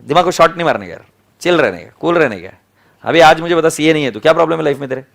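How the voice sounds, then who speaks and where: A man's voice: fairly high pitch, expressive, racing, gravelly, fairly bright tone. A middle-aged man with an Indian accent lecturing a classroom, mixing Hindi and English, chatty, teasing and scolding his students. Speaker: accounting lecturer.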